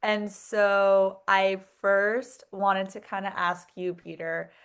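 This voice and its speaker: A woman's voice: medium pitch, little pitch movement, slow, clear, resonant tone. A young woman hosting a casual podcast interview, chatty and full of "like" and "um," stacking several questions at once. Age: young adult. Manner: chatty, lots of likes and ums, asks stacked questions. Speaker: podcast host.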